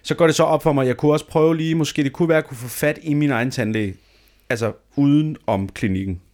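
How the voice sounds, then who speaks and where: A man's voice: a little high, a little mellow. A man in his thirties telling a dramatic, self-mocking story in a casual chat, swearing freely.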